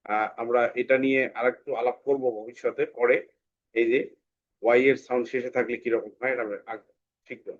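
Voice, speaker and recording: A man teaching English pronunciation to children, patiently repeating words slowly for the class. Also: medium pitch, steady tone, highs cut off.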